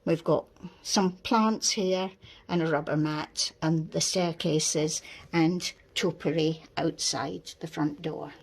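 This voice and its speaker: Scottish woman calmly showing her dollhouse. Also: low voice, slow pace, breathy edge. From Scotland. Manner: patient, explains details step by step. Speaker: dollhouse owner showing her miniature house. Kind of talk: casual show-and-tell chat.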